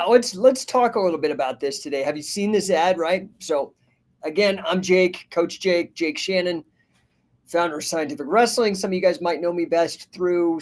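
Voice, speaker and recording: 50 yr old guy rambling on a livestream, kinda high voice, reading chat names. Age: 50s. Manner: rambling, chatty, reads viewer names and comments. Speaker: host and business coach. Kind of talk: casual livestream talk.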